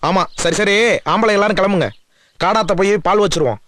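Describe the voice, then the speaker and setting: A man's voice: sits high, fast, fairly bright tone. An actor playing a brusque village elder man who gives orders. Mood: commanding. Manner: brusque, commanding. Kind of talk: film drama acting.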